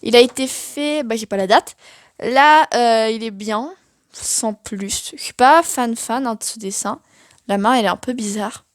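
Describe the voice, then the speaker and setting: A woman's voice: a little high, a little slow, dry recording, clean studio sound. A young woman giving a casual, chatty tour of her sketchbook, self-mocking and full of fillers. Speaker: art vlogger.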